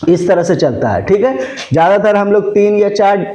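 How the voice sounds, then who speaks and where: A man's voice: high voice, expressive, normal speed, mellow. A man teaching a maths lesson, often checking that his students follow along. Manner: mixes Hindi with English terms. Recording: echoey room.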